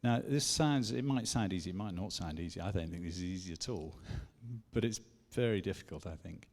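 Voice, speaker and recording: Low, gravelly male conference speaker, chatty and self-deprecating, in a church hall with a long echo. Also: fairly quick, darkish tone. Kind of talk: conference teaching talk.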